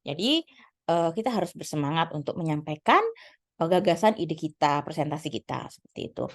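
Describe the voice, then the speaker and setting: A woman's voice: deep voice, expressive, a little fast. A woman giving a casual spoken lesson on presenting, chatty, with many fillers and restarts. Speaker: lecturer giving presentation tips.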